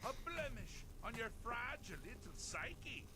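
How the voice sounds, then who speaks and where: Capricious game deity of madness, high, wildly varied pitch, theatrical and mocking; audible noise. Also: male voice, big pitch swings, measured pace, exaggerated voice. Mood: sinister, gleeful. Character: manic, whimsical male god of madness. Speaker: game character.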